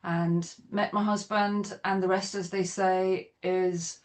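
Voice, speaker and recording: A middle-aged Irish woman from Dublin, with a Dublin accent, talks as a guest on a podcast interview. Her voice is medium-pitched, level and slow, and she rambles, often restarting her sentences.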